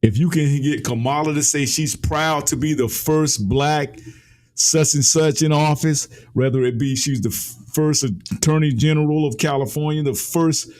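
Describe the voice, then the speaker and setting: This American man delivers opinionated political commentary with emphasis, repeating phrases for effect. His voice sits a little high and sounds slightly mellow, moving at a normal speed.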